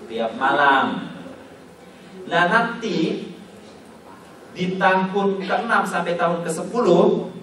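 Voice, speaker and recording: A male preacher delivers a lively sermon full of humorous stories and acted-out scenes. His voice sits a little high. The recording carries heavy hall echo from a distant mic, with faint ambience underneath. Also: slow, long pauses, a little hiss or hum. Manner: storytelling, joking, acts out quotes. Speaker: Islamic preacher. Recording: echoey hall, voice from far off.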